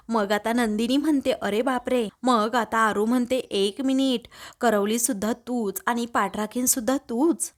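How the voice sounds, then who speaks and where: A woman with a somewhat high voice narrates a recap of a television serial episode. She moves through each scene and reads out what the characters say in her own voice. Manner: retells scenes by reading out the characters' lines.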